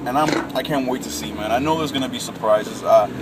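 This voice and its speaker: A man's voice: mid-range voice, brisk. A man in his late twenties ranting casually about gaming, calling everyone man and bro, with a lot of fillers. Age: late 20s. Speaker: gaming vlogger. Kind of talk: casual rant to camera. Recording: distant mic with loud traffic and air conditioning. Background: vehicle and urban noise.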